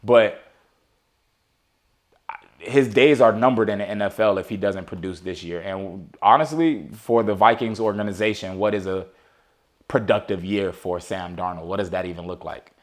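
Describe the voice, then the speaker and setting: A man's voice: on the low side, moderate pace. A man co-hosting a casual sports podcast, talking loosely with many restarts and playful outbursts. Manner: animated, talks over his co-host with playful outbursts. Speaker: podcast co-host.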